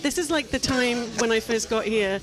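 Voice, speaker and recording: A woman's voice: a little high, normal speed, music in the background, poor audio. A Welsh woman in her forties, a journalist guest chatting casually in an interview, wry and jokey with filler ums. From Wales. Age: 40s.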